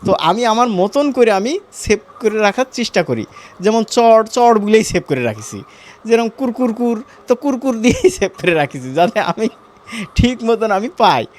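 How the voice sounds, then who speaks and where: Speaking with a Bangladeshi Bengali accent, a man teaches a live online animation class, casually and chattily walking students through each click. His voice sits high and sing-song at a normal speed.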